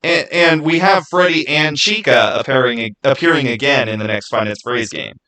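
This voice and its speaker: This streamer argues game theories with his audience in a relaxed live chat, though his tone is emphatic and he keeps repeating himself. His voice sits at medium pitch, sounds sharp, and moves a little fast.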